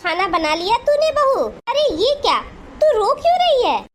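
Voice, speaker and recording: Woman voicing a kindly older aunt, gentle, consoling, very high voice, cartoon. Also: very animated, a little slow, noisy background, exaggerated voice. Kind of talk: Hindi cartoon voice acting.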